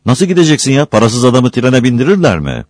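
A man's voice: medium pitch, very animated, fast, darkish tone, dry recording, clean studio sound, voice pushed up, lightly acted. A man voicing an idle, prying railway switchman who keeps asking questions. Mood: questioning. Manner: questioning, nosy.

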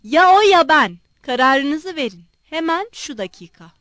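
A woman's voice: high-pitched, lively intonation, moderate pace, a bit bright, no room sound, clean studio sound, voice pushed up. A woman voicing an old retired general, blustering, pompous and roaring in indignant outbursts. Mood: furious.

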